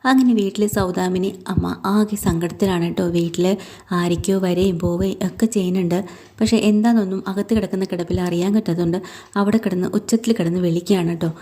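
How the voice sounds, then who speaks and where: A woman's voice: on the low side, steady tone, fast talker, dark tone. A woman casually retelling a family drama story to her listeners, chatty with frequent asides.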